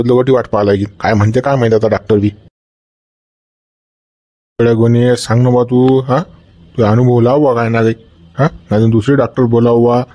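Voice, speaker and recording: A man's voice: medium pitch, warm tone, close to an everyday voice. A man playing a worried, talkative village uncle in a comedy sketch, speaking. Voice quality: rustic, coaxing, talkative. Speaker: village elder visiting hospital.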